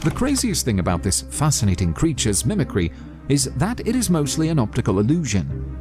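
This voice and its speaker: Lively male nature documentary narrator over music. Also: mid-range voice, brisk. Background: prominent background music.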